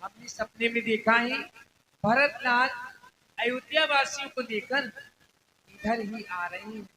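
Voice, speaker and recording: A man playing Sita, a gentle young queen telling a troubling dream in a folk stage play, in a soft, hushed voice. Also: extremely high pitch, slow pace, a crowd in the background, rough recording. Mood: worried.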